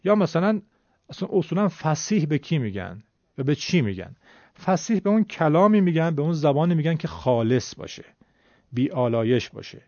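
A man's voice: a little high, very animated, warm tone, no room sound. A man teaching Quran recitation in a lecture, explaining patiently and breaking into short chanted demonstrations. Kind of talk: classroom lecture. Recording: dull lo-fi dry recording.

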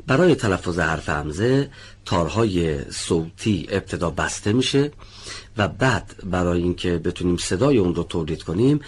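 A man's voice: low-pitched, lively intonation, husky. A man teaching pronunciation in a studio lesson, patiently explaining sounds and calling on students one by one.

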